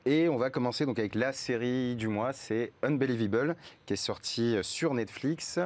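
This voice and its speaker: A man's voice: mid-range voice, moderate pace, darkish tone. A man, a guest columnist, presents the month's top series in a casual studio chat, explaining with many fillers.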